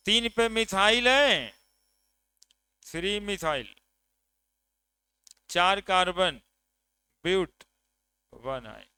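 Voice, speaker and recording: A man's voice: sits high, sharp tone, clear, resonant tone, no echo. A man from India teaching a chemistry class, counting atoms aloud and checking with his students. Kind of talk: classroom lecture.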